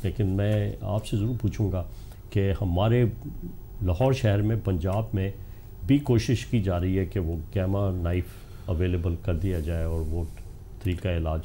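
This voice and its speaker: An older male host asks questions in a low, very dark voice. He hesitates often and fills the pauses with drawn-out sounds. He speaks from a TV studio set. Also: steady tone, a little hiss or hum. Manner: hesitant, many filler sounds. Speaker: show host. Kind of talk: TV health talk show interview.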